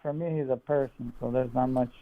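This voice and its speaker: Over a tinny, narrow phone line, a young man on the other end of a call chats casually in a mid-range voice with fairly even intonation and a fairly quick pace. He's easygoing but guarded and noncommittal.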